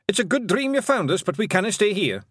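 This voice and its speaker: A man's voice: sits high, big pitch swings, quick pace, a bit bright, dry recording, studio quality, voice pushed up, heavily acted. A man voicing a fierce little male pixie clan chief with a Scottish accent, brash and bossy. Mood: gruff. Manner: brash, gruff, bossy and cheerful.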